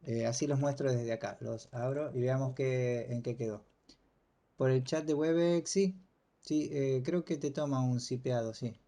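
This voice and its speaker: A man's voice: medium pitch, moderate pace. A man teaching a casual online class over a video call, hesitant and full of fillers. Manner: relaxed, hesitant, many fillers.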